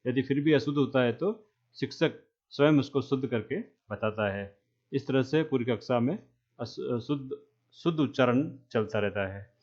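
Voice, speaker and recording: A man lecturing trainee teachers, speaking slowly and repeating key terms, with frequent checks that the class is following. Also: mid-range voice, darkish tone, muffled recording. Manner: asks "है ना?" to check understanding.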